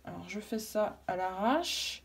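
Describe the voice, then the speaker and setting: A woman's voice: medium pitch, expressive, unhurried, creaky. A woman explaining a craft technique at home as she works, hesitating often with fillers and restarts. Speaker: craft tutorial vlogger. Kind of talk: casual demonstration while working. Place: at home, daughter nearby.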